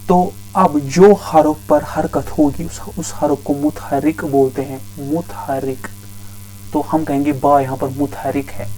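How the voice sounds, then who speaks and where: Slow, flat-voiced male language teacher. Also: mid-range voice, low-quality recording. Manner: patient, repeats each term several times. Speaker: Arabic teacher. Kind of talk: grammar lesson explanation.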